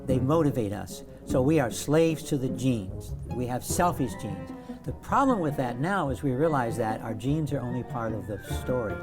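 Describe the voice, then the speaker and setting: A man as an interview guest, explaining at length in a measured, lecturing way and stressing key words. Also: mid-range voice, animated, over music. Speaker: guest author.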